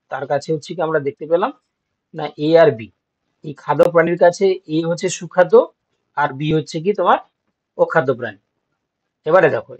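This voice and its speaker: A man teaching an exam-prep lecture, explaining step by step and asking his students checking questions. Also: a little high. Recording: dull lo-fi.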